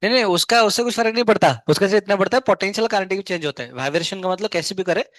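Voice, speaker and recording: Physics teacher guy, high-ish voice, asks then answers his own questions, dry sound. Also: fairly bright tone, no room sound. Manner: asks questions and answers them himself, then slowly dictates notes. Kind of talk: classroom lecture. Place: classroom.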